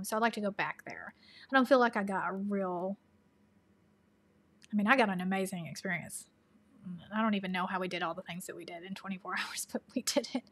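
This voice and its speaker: Hosting a relaxed livestream, a talkative woman from Tennessee answers what her viewers ask in a Southern accent. Her medium-pitched voice has a breathy edge, and she laughs frequently and slips into quiet asides.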